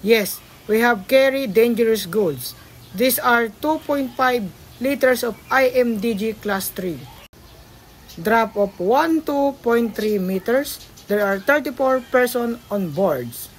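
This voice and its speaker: A woman's voice: a little high, lively intonation, slow pace, a little hiss or hum, low-quality recording. A woman playing a ship's radio officer, making formal, procedural marine radio calls to port control in a school exercise. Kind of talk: scripted marine radio exchange.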